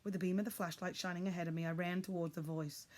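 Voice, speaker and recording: Female storybook reader, expressive and suspenseful. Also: lowish voice, quick pace. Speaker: audiobook reader. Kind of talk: reading a children's novel aloud.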